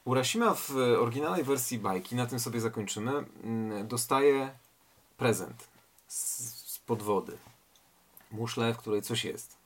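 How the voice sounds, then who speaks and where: A man's voice: medium pitch, expressive, measured pace. A man reading a tale aloud and commenting on it reflectively, asking rhetorical questions. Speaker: reader and literary commentator.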